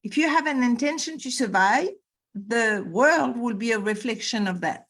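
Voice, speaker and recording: A woman's voice: a little high, moderate pace, fairly bright tone. A woman spiritual teacher talking earnestly on a video call, stressing points by repeating words. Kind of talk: conversational interview on a call.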